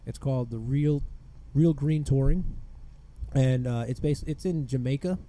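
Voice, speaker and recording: Guy hosting a chill podcast with his buddies, kinda mellow tone, rambles a lot. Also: medium pitch, a little slow. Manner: rambling, hesitant, many restarts. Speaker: podcast host. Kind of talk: casual chat.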